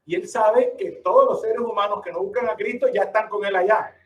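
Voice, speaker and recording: A man's voice: high voice, steady tone, a little fast, roomy sound, far from the mic, low-quality recording. A man preaching a sermon with emphasis, asking rhetorical questions and calling the listeners brother.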